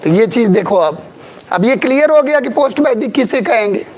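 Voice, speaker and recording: A man's voice: very high-pitched, expressive, fairly quick, darkish tone. A middle-aged man giving a classroom history lecture. He talks emphatically, repeats key terms and asks his students questions. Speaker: history teacher.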